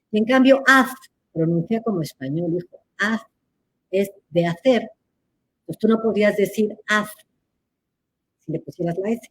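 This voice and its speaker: A woman's voice: mid-range voice, slight background noise. A woman answers audience questions in a live chat, teacherly and playful, laughing at her own examples.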